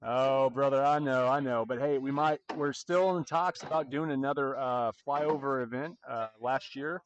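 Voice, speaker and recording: A man's voice: medium pitch, normal speed, lo-fi sound. Casual man commentating a cornhole stream. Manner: relaxed, chatty, addresses viewers directly. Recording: faint background noise and clicks.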